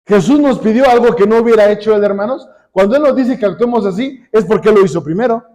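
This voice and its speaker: High-voiced Mexican preacher quizzing his flock. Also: quick pace, mellow. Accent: Mexican Spanish. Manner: calls on the congregation with repeated questions. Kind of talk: sermon.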